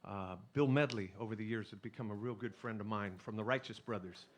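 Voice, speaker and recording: A middle-aged man from California telling jokey stories to a live audience on stage, chatty and animated, with restarts. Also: fairly low pitch, a little fast, slight background noise. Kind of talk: stage storytelling with jokes.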